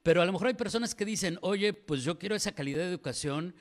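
A man's voice: high-pitched, fast talker. A Mexican man in his forties hosting a morning radio interview from a small studio, asking long, winding questions. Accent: Mexican Spanish. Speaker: radio news host. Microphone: studio mic on stand.

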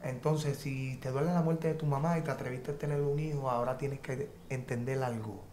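A man's voice: mid-range voice, fairly even intonation, brisk, darkish tone, echoey room, slight background noise. A man giving heartfelt advice in a casual interview, emphatic and repetitive. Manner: emphatic, repeats points, peppers with "brother" and "¿entiendes?". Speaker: guest artist.

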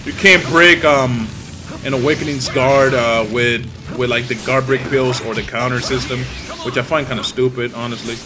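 A young Dominican man, a gaming YouTuber, gives casual, profane, trash-talking live commentary over his own online match while game music plays. His mid-range voice keeps a steady tone at a moderate pace.

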